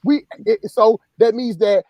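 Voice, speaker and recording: A man's voice: high-pitched, a little slow, a little mellow. A man hosting a casual live stream, rambling with many restarts. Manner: rambling, many restarts and "you know what I'm saying".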